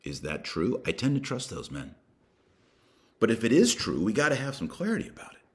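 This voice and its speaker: Speaking in a deep, low register, a male podcast host preaches to his audience with emphasis. Dramatic pauses and repeated lines add weight, and casual turns of phrase pepper his exhortations.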